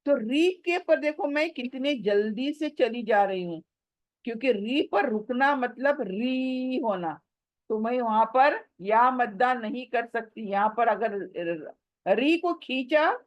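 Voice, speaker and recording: A woman teaching Quran recitation rules in a patient, repeating manner, drawing out the verses in slow chanted recitation between explanations. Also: on the high side, no room sound, low-quality recording. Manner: patient, repeats and asks the listener questions. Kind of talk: tajweed lesson mixing Hindi and English.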